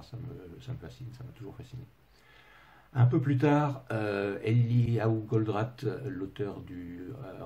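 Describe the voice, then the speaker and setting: A middle-aged man with an English accent presents a webinar in a very low, gravelly voice. His tone is dark, and he hesitates a lot, filling gaps with filler sounds before dry, self-mocking asides. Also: slight background noise. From England.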